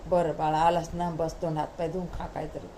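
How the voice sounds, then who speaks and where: A loving mother waiting anxiously for her child, as a storyteller woman puts her on. Her voice is low and mellow, soft with worry and tenderness, with a faint hum behind. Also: little pitch movement, a little fast, close to an everyday voice. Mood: tender. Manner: worried and tender.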